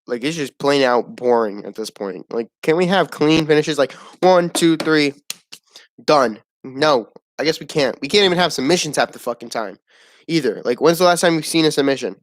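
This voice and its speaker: Male host, casual wrestling reviewer, blunt, rambling and profane, mid-pitched, recorded dry and close. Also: lively intonation, a little fast, dry recording. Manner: rambling, blunt, swears often, laughs at the show.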